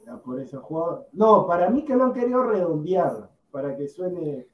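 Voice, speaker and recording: A man's voice: a little high, moderate pace. A man hosting a sports talk show, ranting in a repetitive way. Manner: animated, repeats himself, rants. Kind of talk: casual sports chat. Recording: roomy, distant and dull.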